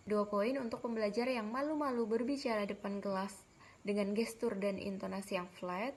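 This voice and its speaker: A woman's voice: a little high, slight background noise. A young woman presenting a course assignment, explaining a grading rubric in a chatty, slangy, upbeat way. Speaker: graduate student presenting an assignment. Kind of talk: casual explanatory lesson.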